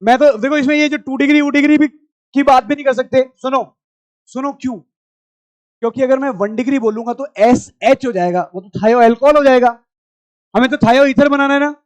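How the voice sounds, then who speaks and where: High-voiced male teacher shouting in class. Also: a little fast, clear, resonant tone, dry recording, dull audio. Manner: loud, scolding and coaxing students. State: strained throat. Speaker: chemistry teacher. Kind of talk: classroom lecture.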